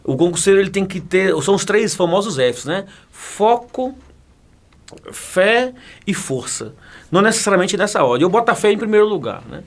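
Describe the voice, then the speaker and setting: His pitch sits high with big swings, delivered at normal speed. This 40-something guest from Bahia, Brazil, a federal police chief and teacher, keeps the interview casual, joking, laughing and repeating words along the way.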